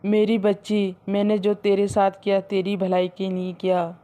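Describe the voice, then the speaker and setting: A woman's voice: mid-range voice, monotone, normal speed, dark tone, pitched below the performer's own voice, close to an everyday voice. A woman voicing a kindly father sending his daughter off, talking in a tender, pleading way.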